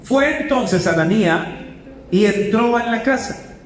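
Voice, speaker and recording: Male pastor, high voice, questioning sermon delivery, echoey church room. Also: animated, a little hiss or hum. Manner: asks the congregation questions, shifts between quick and slow phrasing. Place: church hall.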